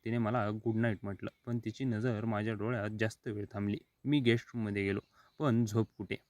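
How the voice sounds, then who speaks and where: A man reading a first-person story as scripted narration, steady and even. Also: on the low side, a little fast, no room sound.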